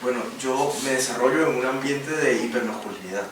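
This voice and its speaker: Male athlete guest, animated storyteller, room echo and clear background noise. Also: mid-range voice, fairly quick. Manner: lively, animated storytelling with laughter. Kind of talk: round-table discussion. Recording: echoey room, distant mic, noisy.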